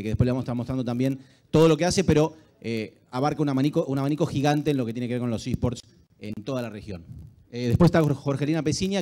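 A man with an Argentine accent moderating a live conference panel in a halting way, often repeating words. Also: mid-range voice, dark tone. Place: large auditorium stage, indoors. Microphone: handheld microphone.

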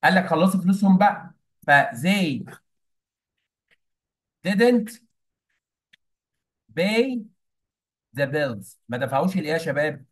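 A man's voice: on the high side, expressive, slow pace, long pauses, poor audio. A young man with an Egyptian Arabic accent explaining a play scene to students, mixing English words into his Arabic and quizzing them with prompts. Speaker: English teacher.

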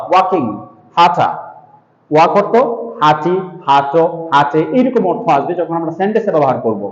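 A man with a high voice gives a spoken grammar lesson. He explains patiently, repeats his cue words and drills short example sentences one by one. The sound is roomy and a little dull, with a long reverb tail. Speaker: English teacher.

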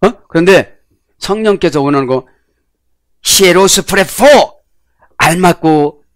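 A male pastor preaching a sermon, swinging between loud exclamations and quiet asides. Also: fairly high pitch, measured pace, dry recording, clean studio sound.

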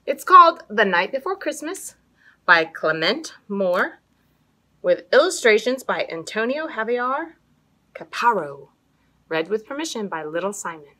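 In a small room draped with fabric, a children's library storytime host, an American woman likely in her thirties, reads picture books and plays interactive games with young children. Her medium-pitched voice is expressive and sing-song.

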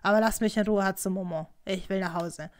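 A woman's voice: medium pitch, steady tone, a little fast, close to an everyday voice. A woman voicing an angry married man in an audiobook reading, curt and firm.

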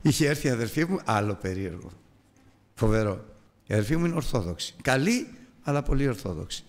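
A man's voice: mid-range voice, animated. An older man preaching a Bible lesson, telling a personal story and acting out the voices in it. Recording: long reverb from a large hall.

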